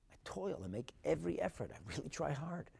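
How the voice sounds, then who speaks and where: A North American rabbi and Torah teacher delivers a sermon in a high-ish, very animated, gravelly, slightly rough voice. He's emphatic and dramatic, swinging from hushed asides to loud declarations, phrasing deliberately and repeating himself for rhetorical effect.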